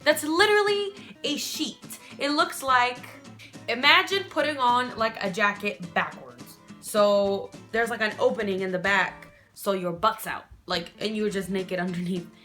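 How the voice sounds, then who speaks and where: A young woman telling a storytime vlog in a casual, animated way, swearing freely. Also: mid-range voice, measured pace, faint music behind. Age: young adult. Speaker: vlogger.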